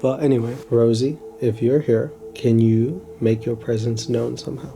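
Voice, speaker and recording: Bright-voiced joking man on a ghost vlog. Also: mid-range voice, steady tone, moderate pace, gravelly, a little hiss or hum. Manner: joking, teasing the supposed ghost. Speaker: vlog host. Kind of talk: casual night ghost-hunt vlog.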